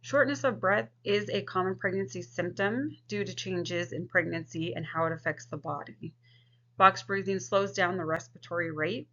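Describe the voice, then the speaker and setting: A woman social work student giving a scripted instructional presentation in a creaky voice. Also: on the low side, fairly bright tone. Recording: dull, lo-fi microphone sound.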